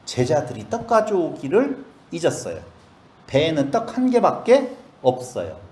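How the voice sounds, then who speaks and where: A man's voice: on the high side, wildly swooping pitch, moderate pace, a little mellow, reverberant. A male pastor leading a Bible study sermon, asking the congregation questions as he explains the passage. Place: church.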